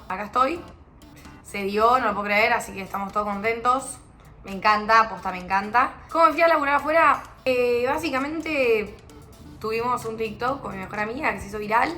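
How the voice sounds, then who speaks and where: Young woman, Rioplatense Argentine accent, bright and slangy, casual self-mocking vlog chat over faint music. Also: on the high side. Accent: Rioplatense Argentine Spanish. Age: young adult. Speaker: vlogger.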